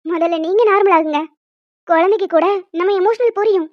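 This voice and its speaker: A woman voicing a calm, practical nurse and mother of two who gives steady advice in a small animated drama, recorded dry and a bit dull. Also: very high voice, brisk, no echo. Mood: reassuring. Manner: reassuring, instructive.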